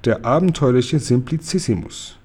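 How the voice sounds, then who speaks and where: A man's voice: medium pitch, lively intonation, moderate pace, darkish tone, husky. A man doing a raised, eager little girl. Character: small curious girl, eager and worried.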